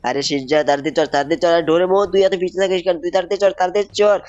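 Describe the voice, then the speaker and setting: A young man giving excited gameplay commentary, repeating himself and calling out to viewers. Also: sits high, racing, no echo, lo-fi sound. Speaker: gaming YouTuber.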